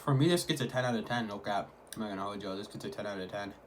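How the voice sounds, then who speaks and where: Slangy man chatting over clear background noise. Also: fairly low pitch, racing. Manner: slangy, repetitive hype. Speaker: mukbang vlogger. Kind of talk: casual food vlog chat. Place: at home. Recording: clearly noisy home recording.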